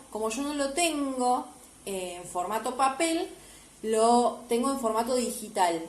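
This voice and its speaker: A woman teacher speaks to her pupils in a patient, step-by-step way and often stops to check they follow. Her voice sits a little high. She records in an echoey room at home with a faint hiss behind her. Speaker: primary school teacher. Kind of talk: explaining homework to children.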